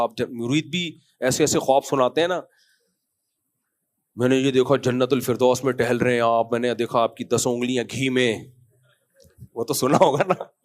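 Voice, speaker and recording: A man giving a conversational religious talk, telling anecdotes and jokes and acting out the dialogue in different voices. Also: mid-range voice. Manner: storytelling, acts out dialogue in different voices, chuckles. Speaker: Islamic scholar giving a talk.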